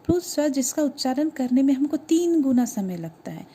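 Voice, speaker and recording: Speaking in a high, very animated yet mellow voice, a woman walks schoolchildren through a grammar lesson one step at a time. She poses her own questions, supplies the answers, and carefully sounds out every letter.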